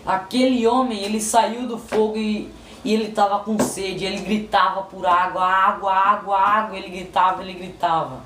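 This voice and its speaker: A young man with a Brazilian accent giving a fervent, halting religious testimony and repeating his phrases. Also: high voice, fairly even intonation, fairly bright tone. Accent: Brazilian Portuguese. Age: young adult. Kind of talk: emotional spoken testimony. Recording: echoey, from far off, faint background noise.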